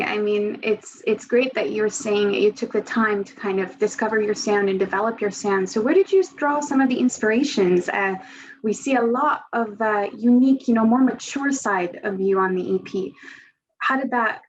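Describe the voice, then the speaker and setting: A woman interviewing a musician, asking measured questions with occasional hesitations. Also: mid-range voice, lo-fi sound.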